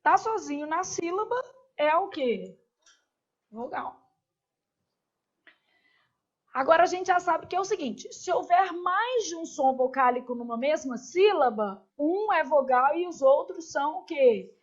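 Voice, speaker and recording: Woman, Brazilian Portuguese accent, teacher, very high voice, quizzes and answers herself, slightly muffled sound. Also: animated, moderate pace. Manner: asks questions and answers them herself. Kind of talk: online grammar lesson.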